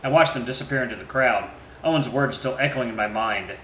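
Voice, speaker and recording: A man giving expressive narration of a story. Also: mid-range voice, fairly quick. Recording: roomy, faint background noise.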